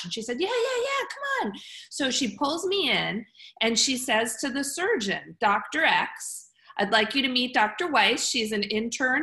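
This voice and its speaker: A woman's voice: mid-range voice, pushed and bright. A middle-aged woman, a surgeon guest, telling a frank story in a chatty way with many ums. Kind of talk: storytelling in an interview. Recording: roomy echo.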